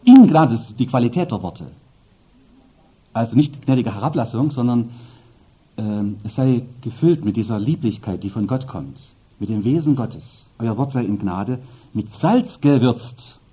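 A man's voice: mid-range voice, lively intonation, moderate pace, dark tone, husky. A man preaching a sermon, speaking emphatically and addressing the congregation with asides. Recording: dull lo-fi sermon recording.

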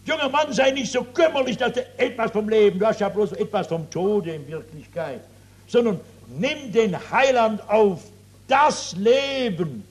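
A man preaching an evangelistic sermon to a seated audience, moving from loud exclamations to hushed, drawn-out emphasis and asking his listeners rhetorical questions. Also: sits high, expressive.

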